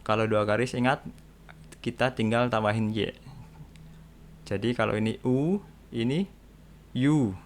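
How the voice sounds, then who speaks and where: A young man teaching beginners to read letters, explaining slowly and patiently and repeating each sound for practice. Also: fairly low pitch, level tone, a little hiss or hum. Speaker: Korean language teacher. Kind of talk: beginner lesson on reading letters.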